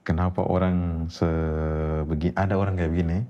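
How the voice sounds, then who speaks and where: A man, telling a personal ghost story in a casual interview, animated and laughing often. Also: moderate pace, lo-fi sound. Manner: animated, jumps high when quoting others, laughs often. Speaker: guest storyteller.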